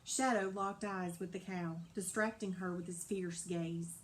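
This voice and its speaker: A woman narrating a children's novel aloud in a lively, dramatic storybook style. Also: on the low side, measured pace, slight background noise. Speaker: audiobook narrator.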